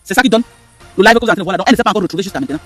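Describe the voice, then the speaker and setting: A man's voice: high voice, very fast, bright, forceful tone, soft background music. A man giving heated live-stream commentary, repeating himself and firing rhetorical questions at the audience. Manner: emphatic, repetitive, rhetorical questions to viewers.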